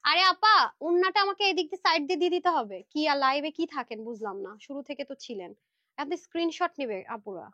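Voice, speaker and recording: A woman's voice: sits high, bright, forceful tone, no echo. A woman from Cumilla, Bangladesh, hosting a live online clothing sale, chatty and pushy, bargaining aloud over prices. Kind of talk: live-stream sales pitch. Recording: dry, dull lo-fi live-stream sound.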